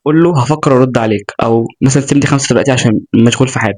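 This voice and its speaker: A young Egyptian-accented man vlogs about self-improvement, delivering a casual, earnest, chatty motivational talk to camera sprinkled with jokes. His mid-range voice is a little mellow and very fast.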